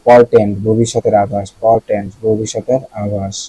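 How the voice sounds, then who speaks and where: Young Bangladeshi man, husky low tutor voice, casual and repetitive. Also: flat delivery, brisk, dark tone, poor audio. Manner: casual, repeats words, asks the listener questions. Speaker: vocabulary teacher. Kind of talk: explaining vocabulary.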